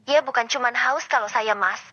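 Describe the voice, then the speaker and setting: A woman's voice: fairly high pitch, normal speed, natural voice. A woman voicing a friendly, fatherly older male office worker who likes to tease and joke. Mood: teasing. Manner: teasing, friendly. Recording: dull lo-fi with guitar music.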